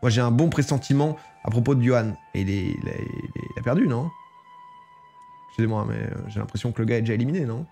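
A man talks his way through a strategy game in a loose, chatty let's-play style, reading game text aloud and bantering with the characters. His voice sits at an ordinary middle pitch. Faint music plays quietly behind him. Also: fast, gravelly. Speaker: gaming streamer. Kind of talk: casual let's-play commentary.

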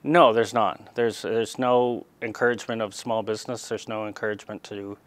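A man's voice: fairly low pitch, fairly even intonation, moderate pace, no room sound. A middle-aged man answering interview questions as an industry spokesman, hesitant, with many fillers and repeated words. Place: small TV studio. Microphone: lapel mic.

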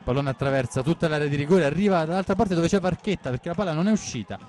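Male match commentator, higher-pitched, breathless and urgent, firing out excited play-by-play with repeated names. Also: racing.

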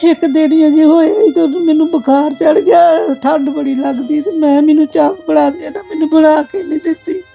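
A woman with a Punjabi accent playing a grieving elderly mother who has been neglected by her sons, speaking in a tearful, gravelly voice. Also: sits high, steady tone, brisk, hardly any pauses, phone-quality sound, soft background music. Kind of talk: Punjabi family drama acting.

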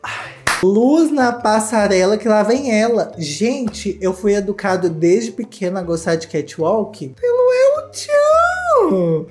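A Brazilian man narrates a comedic reaction, his delivery campy, exclamatory and full of gossip. His voice is mellow and soft-edged. Faint music plays underneath. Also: high voice. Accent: Brazilian Portuguese. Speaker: YouTuber host.

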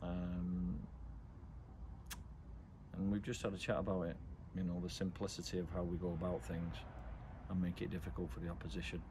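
Outdoor noise sits behind a deep-voiced, flat-sounding English man in middle age. He is a football manager speaking bluntly and deliberately in a nighttime post-match interview outside, with frequent ums.

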